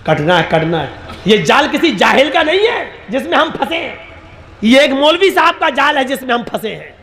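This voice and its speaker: A man's voice: very high-pitched, sing-song, normal speed, fairly bright tone, slight background noise, pitched above the performer's own voice, heavily acted. A man voicing a grumpy trapped crow that snaps and frets about its fate. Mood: gruff. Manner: gruff, snappish.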